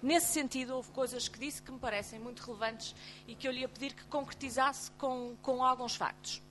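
A woman with a European Portuguese accent questions a witness in a parliamentary hearing. Her voice sits a little high, and her delivery is composed and precise. A faint hiss runs in the background. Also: steady tone, brisk, a bit bright. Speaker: member of parliament.

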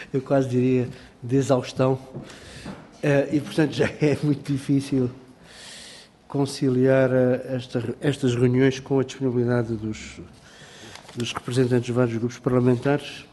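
A man's voice: medium pitch, warm tone, slight background noise. Hesitant man with a European Portuguese accent chairing a meeting. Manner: halting, many filler sounds and restarts, formal phrasing. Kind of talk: formal meeting address.

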